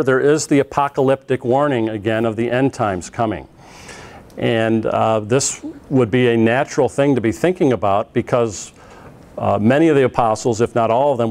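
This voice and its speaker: A middle-aged man teaches a class in a relaxed, conversational way. He often pauses with "uh" and restarts phrases as he explains. He is recorded close up on a lapel mic in a classroom. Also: mid-range voice. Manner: conversational, with frequent "uh" fillers and restarts. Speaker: lecturer. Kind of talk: classroom lecture. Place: classroom in front of a projected slide.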